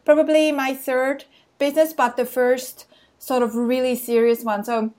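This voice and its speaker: A woman's voice: high voice, little pitch movement, normal speed, a little mellow. A woman from Switzerland, chatting as an interview guest, telling stories and laughing often. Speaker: guest entrepreneur. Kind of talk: casual interview chat.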